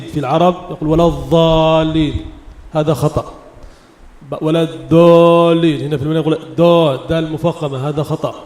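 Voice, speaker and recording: A man teaching tajwid, chanting verses slowly and then correcting pronunciation quickly. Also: fairly high pitch, warm tone. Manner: slow melodic chanting, then quick explanations. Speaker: Quran recitation teacher. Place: religious school lecture hall. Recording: roomy echo with faint ambience.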